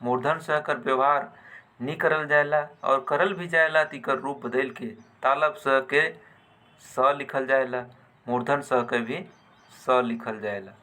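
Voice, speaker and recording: A man teaching a grammar lesson, deliberately repeating example words in pairs. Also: mid-range voice, fairly even intonation, sharp tone.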